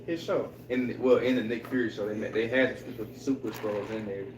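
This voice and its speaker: A man co-hosting a podcast in casual chat, excitable and slangy, often stumbling over his words. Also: fairly low pitch, fairly quick, far from the mic. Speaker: podcast co-host. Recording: echoey room, faint room noise.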